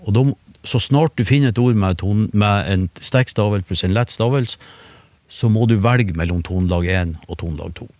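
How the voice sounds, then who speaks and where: A low-pitched man talks in a dry, close studio sound, explaining step by step as a radio panel expert. He takes his time, fills gaps with hesitations and restarts half-finished phrases. The delivery is patient and conversational. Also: a little mellow, no room sound. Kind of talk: explaining on a radio talk show.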